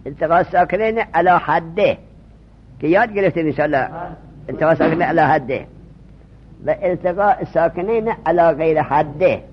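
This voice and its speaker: A man's voice: on the high side, slight background noise. A man teaching a religious studies class, repeating key terms and quizzing his students with questions. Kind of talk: classroom lesson. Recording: dull lo-fi recording.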